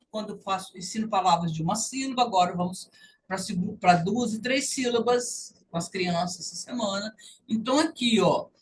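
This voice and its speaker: A woman's voice: medium pitch, a bit bright, far from the mic, slight background noise, poor audio. A woman with a Brazilian Portuguese accent, teaching a lesson and patiently repeating sounds to demonstrate them. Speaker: language teacher. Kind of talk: online English lesson.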